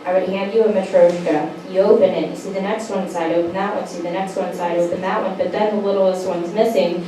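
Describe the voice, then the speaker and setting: Deadpan woman comic in echoey club. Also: fairly low pitch, fast talker. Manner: deadpan, chats with the crowd. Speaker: stand-up comic. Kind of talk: stand-up set. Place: small club stage. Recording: echoey room from far off with noise. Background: audience laughter.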